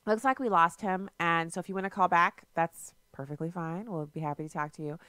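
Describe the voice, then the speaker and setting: A woman's voice: on the low side, brisk, sharp tone, no room sound, studio quality. A woman hosting a talk radio show, talking in a folksy, heated and emphatic way.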